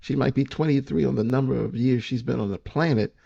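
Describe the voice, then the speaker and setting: Man, 50s, reaction host; raspy, blunt, opinionated, muffled lo-fi sound. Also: medium pitch, fairly quick, mellow. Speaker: relationship coach reacting to a dating show. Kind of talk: reaction commentary. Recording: dull lo-fi audio.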